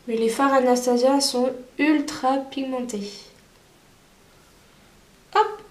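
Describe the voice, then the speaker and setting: This woman's high voice has a darkish tone and a roomy sound. She's a beauty vlogger stuffed up with a cold, talking loosely through a makeup tutorial with plenty of filler words.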